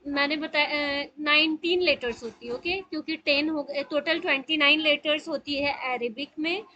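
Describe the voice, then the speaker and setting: A woman leads an online tajweed lesson over a video call. Her voice sits high, and she speaks in an encouraging way while mixing in English terms. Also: sharp tone, dull audio, a little hiss or hum. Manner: encouraging, code-switching with English words. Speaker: tajweed teacher. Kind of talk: online class teaching.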